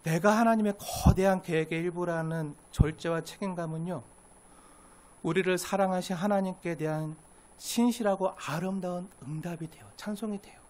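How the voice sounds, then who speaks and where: High-voiced earnest preacher. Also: male voice, steady tone, normal speed. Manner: earnest, swings between raised emphatic lines and hushed low asides; acts out quoted complaints in a sharper, pushier voice. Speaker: pastor. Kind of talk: sermon.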